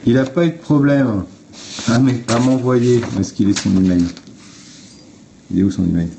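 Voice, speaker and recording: A livestream host using his phone speaks to viewers directly, bluntly and informally, swearing while explaining step by step. His mid-range voice is dark with vocal fry, moving at a moderate pace over slight background noise.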